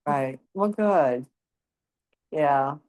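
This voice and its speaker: A woman insurance agent from Illinois, chatting casually and asking quick clarifying questions while affirming often. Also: low-pitched, lively intonation, a little mellow. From Peoria, Illinois. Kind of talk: casual phone chat about plans.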